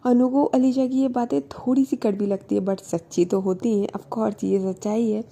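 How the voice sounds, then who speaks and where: A woman's voice: a little high, steady tone, normal speed, vocal fry, warm tone. A woman narrating a love story in a chatty, casual way, sprinkling in English words.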